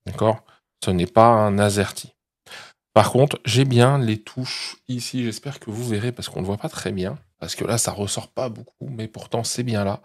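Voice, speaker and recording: A man's voice: on the low side, normal speed. A man hosting a tech channel, chatting casually through a product review and explaining each step, often checking in with his viewers.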